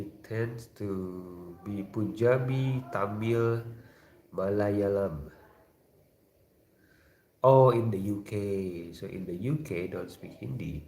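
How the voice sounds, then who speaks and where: A man with an Indonesian accent hosting a live chat room, talking casually and haltingly and often repeating short phrases. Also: fairly low pitch, darkish tone. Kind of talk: casual chat, reading out chat messages. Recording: roomy echo, faint background noise.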